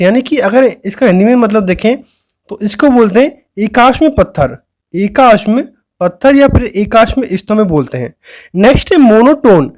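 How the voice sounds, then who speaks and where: A teacher walks through an exam vocabulary list with steady explanation. English phrases are read slowly and deliberately. The teacher poses quick rhetorical questions, then repeats each key answer for emphasis. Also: medium pitch.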